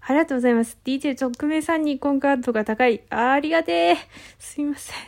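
A young woman with a high voice hosts a casual solo audio talk. She is excitable and flustered, keeps apologizing, and laughs at herself. Her speech is blunt and boyish. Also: fast, vocal fry. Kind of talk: casual solo chat, reading a listener letter.

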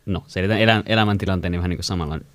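A young man with a lowish voice tells a story in a casual chat, rambling through fillers and hesitations. He gets animated when quoting people. The sound is close and dry, with no room echo.

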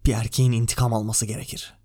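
A man's voice: mid-range voice, flat delivery, fast, warm tone, natural voice. Brief: male reader voicing a bereaved, hard-edged lord from a fantasy novel, grim and stern. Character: grieving, stern older lord.

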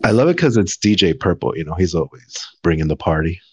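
A young adult man hosting a casual podcast chat, playful and quick to laugh. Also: low voice, expressive, a little mellow, breathy edge, no room sound, lo-fi sound. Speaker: podcast host.

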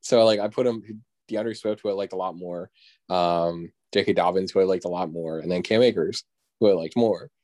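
Hesitant low-voiced young man. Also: normal speed, a little mellow. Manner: hesitant, full of "um" and "like", laughs often. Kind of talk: casual fantasy football chat.

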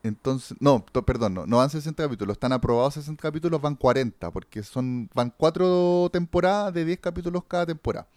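Fairly quick and barely pausing, this man speaks in a slightly high, somewhat mellow voice with no room sound. He hosts a podcast in a Chilean accent, chatting loosely about a series with plenty of slang and fillers.

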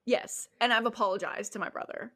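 Bright, giggly young woman podcaster. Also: fairly high pitch, a little fast. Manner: giggly, animated storytelling. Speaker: podcast co-host. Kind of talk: casual chat. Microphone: close podcast mic.

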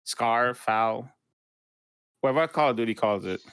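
A man's voice: medium pitch, a little slow, fairly bright tone, clean tone, no echo, studio quality. A man co-hosting a casual gaming podcast, giving blunt, dismissive opinions. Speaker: podcast co-host.

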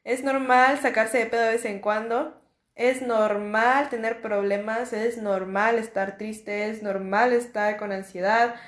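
A young woman with a Mexican accent hosts a podcast, her slightly high voice echoing in a reverberant space. Her casual motivational monologue is slangy, reassuring, and repetitive.

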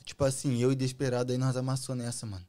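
A man's voice: medium pitch, monotone, fast, dark tone. A young man with a Brazilian Portuguese accent chatting casually as a guest musician, telling stories in boastful street slang with plenty of swearing. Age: young adult. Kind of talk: casual chat.

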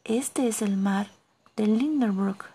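Woman whispering as a calm, proud old explorer. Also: mid-range voice, slow pace, husky. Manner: soothing, then grandly proud. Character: calm, proud older male explorer uncle.

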